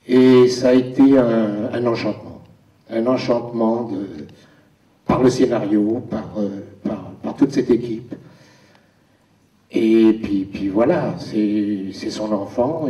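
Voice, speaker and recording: A man, an actor, telling wry stories about the filming at a premiere Q&A, with pauses as he goes. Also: lowish voice, mellow. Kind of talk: anecdotal talk at a premiere Q&A. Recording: echoey hall, distant dull mic.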